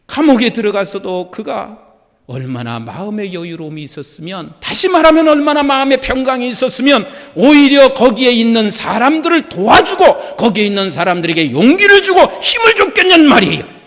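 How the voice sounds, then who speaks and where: A male pastor preaching a sermon, emphatic and rising to shouted declarations. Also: very high-pitched, very animated, a little fast, long reverb tail.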